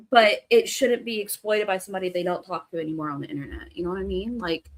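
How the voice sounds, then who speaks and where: A woman hosting a live reaction stream in casual, animated chat, quick to laugh. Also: lowish voice. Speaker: livestream host.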